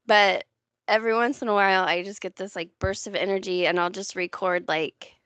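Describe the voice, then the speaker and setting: A woman who is a parent, co-hosting a podcast in casual chat, relaxed and often trailing off with a laugh. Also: mid-range voice, a little fast, smooth, no room sound. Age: adult, parent of a school child. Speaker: podcast co-host.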